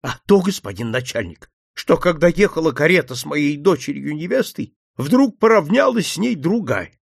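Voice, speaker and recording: Man doing a shrill shrieking merchant's wife. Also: big pitch swings, normal speed, gravelly, slightly rough, no room sound, clean studio sound, heavily acted. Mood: agitated. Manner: wailing, shrieking.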